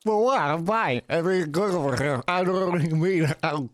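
A man's voice: on the high side, moderate pace, close to an everyday voice. A man playing a flustered, rambling character who talks with water held in his mouth. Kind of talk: comedic improv character.

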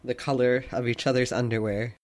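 A man's voice: mid-range voice, level tone, fairly quick. A man co-hosting a podcast in casual chat, laid-back, with short agreeing replies. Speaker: podcast co-host.

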